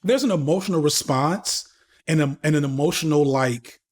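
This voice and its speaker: Casual and candid, a podcast guest in his thirties swears, uses slang and keeps restarting his thoughts. His voice is a little high, at a normal speed.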